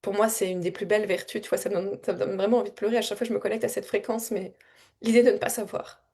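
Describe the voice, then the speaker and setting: A woman spiritual coach talking casually and reflectively to her audience, wandering through her thoughts with frequent repeated words, soft laughs and heartfelt emotion. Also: mid-range voice, flat delivery, rapid-fire, husky. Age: adult with a child. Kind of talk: casual spontaneous reflective talk.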